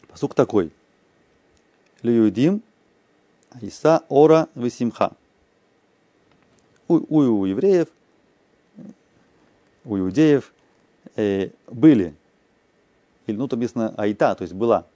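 A man giving a lesson, reading phrases aloud and explaining them one by one in a slow, patient way. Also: on the low side, mellow, no room sound. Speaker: teacher.

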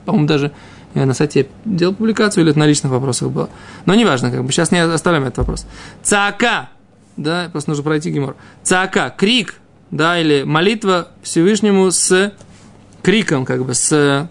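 Guy with a high voice teaching scripture class, reads then explains bit by bit, keeps asking little check questions. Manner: explains in fragments, often adds checking questions. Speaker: religion teacher. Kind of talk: informal Talmud lesson, reading and explaining.

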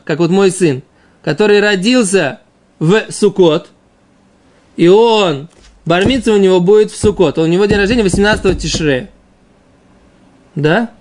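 A man giving an informal religious text lesson as a teacher, explaining by asking and answering his own questions. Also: high voice. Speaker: Talmud teacher.

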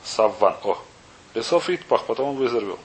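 A man's voice: mid-range voice, animated. Male teacher for an informal text lesson, reads then explains, gropes for words, poses questions; slightly noisy, hissy recording. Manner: halting, searching for words, questioning himself. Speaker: teacher of a Talmud class. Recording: clear background hiss and noise.

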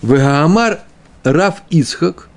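A man teaching a Talmud lesson, explaining the text aloud, often repeating himself and slowing down on Hebrew terms. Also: a little high, expressive.

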